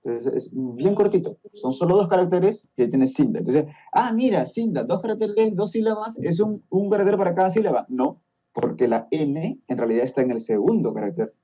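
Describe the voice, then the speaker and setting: Peruvian man, podcast guest, patient explainer; very dark, mellow tone, muffled lo-fi audio. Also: high voice, lively intonation, brisk, slightly rough. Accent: Peruvian Spanish. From Peru. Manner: patient, explaining step by step with frequent checks like "¿no?". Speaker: guest expert on Tolkien's languages.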